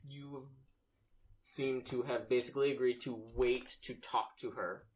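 A man narrating as game master of a tabletop role-playing game, casual and hesitant, with many pauses and ums. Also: mid-range voice, slight background noise.

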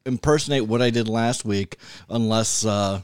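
A man's voice: on the low side, moderate pace, clean tone, no echo, clean studio sound. A man co-hosting a casual podcast, blunt and ranting, laughing often. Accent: Buffalo, New York. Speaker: podcast co-host. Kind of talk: casual comedic podcast chat.

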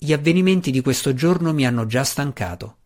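A gruff, world-weary deep gnome, put on by a male narrator. He speaks slowly in a low, grumbling voice that carries the weight of old guilt, as in a fantasy audiobook. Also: animated, darkish tone, natural voice.

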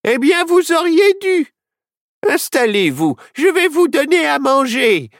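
A woman voicing a stern, grumbling old woman who scolds gruffly in a children's storybook. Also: high-pitched, big pitch swings, slow pace, no echo, studio quality, voice pushed up, full character voice.

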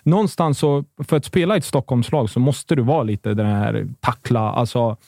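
A man with a dark, mellow voice, talking football in a loose podcast chat. He is emphatic and rambles, circling back and restarting his sentences as he goes. His delivery is close and dry. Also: mid-range voice, no room sound. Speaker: football pundit.

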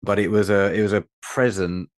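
A British man with a very low voice, co-hosting a casual podcast. He rambles, restarts his sentences and jokes at his own expense. The sound is dry and close. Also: level tone, normal speed, no echo. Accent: British English. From England. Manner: rambling and self-deprecating, with repeated restarts. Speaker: podcast co-host. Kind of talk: casual chat.

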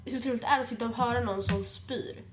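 A young woman in a casual chat whose voice sits a little high. She mostly reacts with short agreements and breaks in with quick, questioning asides. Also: fairly even intonation, music in the background.

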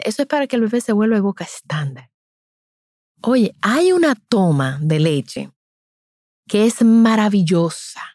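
A middle-aged woman, giving an informal parenting talk as a breastfeeding educator, with animated, repetitive demonstrations. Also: mid-range voice, no room sound, clean studio sound.

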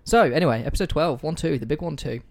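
His voice sits a little high with a darkish tone and some vocal fry, and he speaks at a quick pace. The man hosts a casual history podcast from a home room with pets and food on the table, making self-deprecating jokes and swearing casually now and then over a poor-quality mic.

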